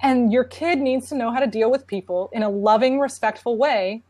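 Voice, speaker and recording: Earnest woman with a fairly high voice. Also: moderate pace, warm tone, dry recording. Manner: earnest, conversational, many restarts. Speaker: panel speaker on parenting. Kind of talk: casual conference talk.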